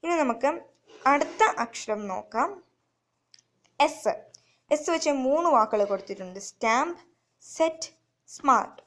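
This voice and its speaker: A young woman with a fairly high voice, teaching a phonics lesson for children. She talks slowly and patiently, repeats each point, and asks simple questions before answering them herself. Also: animated, a bit bright. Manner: slow, repetitive, asks and answers her own questions.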